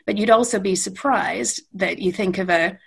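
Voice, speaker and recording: A middle-aged guest from Western Canada speaks unscripted at normal speed in a mid-range voice with vocal fry and slight roughness. Her talk is thoughtful and wandering. She keeps stopping to correct herself.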